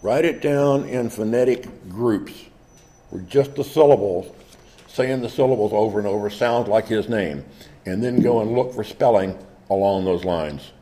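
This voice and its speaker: A man's voice: on the low side, a little slow, dark tone. A man giving an informal lecture, conversational and acting out small exchanges as he explains. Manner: conversational, acts out little dialogues. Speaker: speaker on genealogy and naming. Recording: roomy echo, faint background noise.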